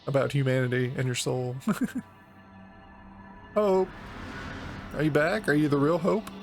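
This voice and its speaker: Male gaming host: higher-pitched, wry, slangy, informal playthrough commentary over clear game music. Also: expressive, takes it slowly. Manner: joking, slangy, wry reactions. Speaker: gaming video host playing through a game. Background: game music and effects.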